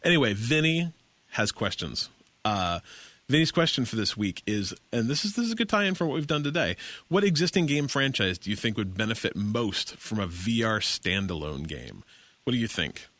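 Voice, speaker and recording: Low-voiced male podcast host, rambling. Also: big pitch swings, normal speed, a bit bright, no room sound. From Seattle area, USA. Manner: rambling, self-correcting, enthusiastic. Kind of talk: casual podcast chat.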